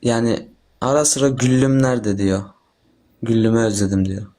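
A man's voice: medium pitch, moderate pace, dark tone. Polite young man, mid-range voice. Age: teenager, seventeen. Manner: polite, deferential. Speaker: livestream guest. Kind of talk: casual, earnest conversation.

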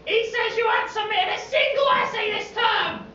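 A woman playing a shrill, camp pantomime dame, a scolding college tutor, on stage. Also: moderate pace, bright, forceful tone, highs cut off. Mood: scolding, haughty. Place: on stage in a theatre hall. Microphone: distant camera in the audience. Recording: echoey theatre hall from far off, hissy.

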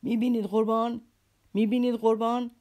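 A woman voicing a poor, proud army captain in an audiobook, talking feverishly fast with a bitter, mocking edge. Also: low voice, creaky, a little mellow, slightly rough, heavily acted. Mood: furious. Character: poor, proud, frantic middle-aged male army captain. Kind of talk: audiobook character reading.

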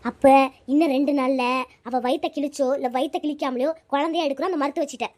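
A woman's voice: high voice, fairly even intonation, fast, a little mellow, slight background noise, close to an everyday voice. A woman voicing a scheming, superstitious mother-in-law in a cartoon, who scolds and gives orders. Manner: scolding, commanding. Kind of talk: cartoon voice acting.

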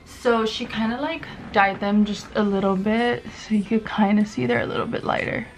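Here the young Texan woman's voice sits at medium pitch, steady in tone and at normal speed. She's a beauty vlogger in her twenties, casually and frankly addressing a tripod camera from her bedroom with plenty of fillers and some swearing, captured in a rough recording with slight background noise.

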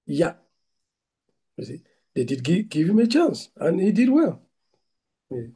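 A middle-aged man from Cameroon, a football coach, answering interview questions over a video call, pausing often with fillers and restarts. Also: on the high side, warm tone, rough recording. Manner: hesitant, many fillers and restarts. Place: indoor room at home. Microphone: video call laptop mic.

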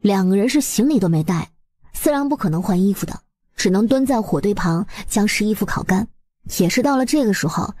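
Dry, slightly husky woman storyteller. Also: medium pitch, dark tone, no echo. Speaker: narrator. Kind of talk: expressive webnovel story narration.

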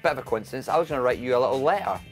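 Lively young male kids' TV presenter. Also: mid-range voice, very fast, faint music behind. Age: 20s. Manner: jokey, mock-formal wording. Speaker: children's TV continuity presenter. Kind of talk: playful scripted banter with a puppet. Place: small decorated TV studio, at a desk.

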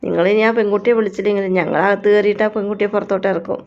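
A woman reading the lines of a male police officer who explains firmly and calmly. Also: medium pitch, very fast, dull audio, lightly acted. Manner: firm and explaining.

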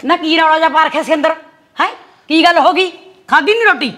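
A woman acts out a fierce village mother who scolds and threatens her household. Her voice sits high and sounds bright and sharp. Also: fast talker. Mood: scolding. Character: stern older village mother, harsh and threatening. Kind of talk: rural Punjabi web drama acting.

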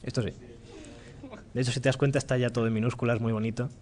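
A man with a Spanish accent from Spain giving a relaxed, joking live-coding talk in a lecture room, thinking aloud as he goes. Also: medium pitch, quick pace. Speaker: conference speaker.

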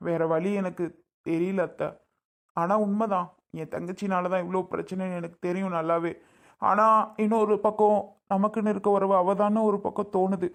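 A woman voices a young married man in a homemade family drama. He pleads, then turns bitter and accuses his sister. The voice sits at an ordinary middle pitch. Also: level tone, moderate pace, lightly acted. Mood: torn. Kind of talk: amateur family drama skit.

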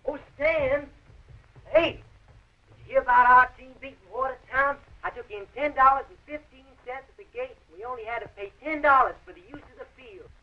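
A man's voice: very high-pitched, normal speed. A man acting a cheeky, teasing teenage brother in a stagey 1920s film style. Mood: chatty. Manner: brash, teasing. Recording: muffled, tinny 1920s film soundtrack.

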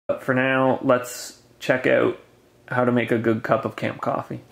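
A man's voice: mid-range voice, level tone, a little slow, vocal fry. A man casually explaining how to make camp coffee, talking step by step at a picnic table in a forest. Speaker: camping gear reviewer.

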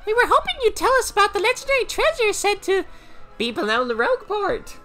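A man's voice: very high voice, sing-song, brisk, bright, forceful tone, faint music behind, voice pushed up, heavily acted. A man voicing an eager young female Goomba archaeology student while reading game dialogue on stream.

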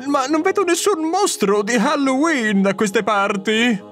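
A woman dubbing an excitable, silly man who startles and shrieks easily, hosting a children's show. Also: fairly high pitch, unhurried. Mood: puzzled. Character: excitable grown man who screams at everything. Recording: music playing behind.

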